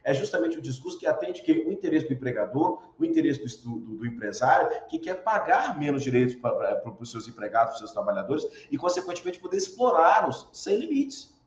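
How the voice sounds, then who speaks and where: A man with a Brazilian Portuguese accent gives a recorded online university lecture in a fairly high voice with big pitch swings, talking a little fast with hardly any pauses. He explains continually, answers his own rhetorical questions, and uses frequent tag questions. The room is echoey and the sound dull and lo-fi.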